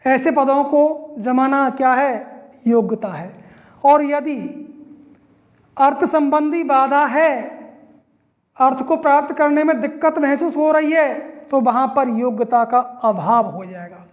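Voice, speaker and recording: A woman's voice: high-pitched, a little slow, a little mellow. A woman teacher giving an online grammar lesson, explaining step by step and answering her own questions. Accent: Hindi.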